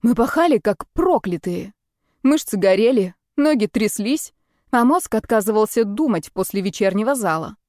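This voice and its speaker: A woman's voice: mid-range voice, lively intonation, moderate pace, darkish tone, no room sound, clean studio sound. Wry woman narrating an audiobook. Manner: wry, conversational. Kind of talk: first-person audiobook narration.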